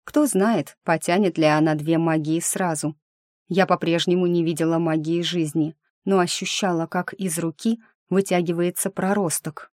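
A woman telling a first-person fantasy story as an audiobook narrator, with lively, engaged storytelling. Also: fairly low pitch, normal speed, no room sound, studio quality.

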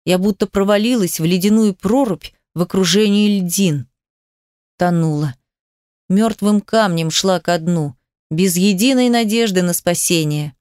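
A woman's voice: mid-range voice, measured pace, darkish tone, no echo, clean studio sound. A woman reading a first-person story aloud in an emotive, dramatic audiobook style. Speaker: narrator. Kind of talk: scripted audiobook narration.

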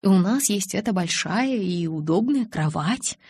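A woman's voice: a little slow, breathy edge, no room sound, studio quality. Woman voicing an exasperated young heroine. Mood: pleading. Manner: pleading, higher and animated.

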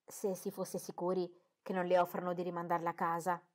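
A woman reading the part of a sensible, witty young woman in a clear, lightly wry tone. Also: on the low side, monotone, fairly quick, close to an everyday voice.

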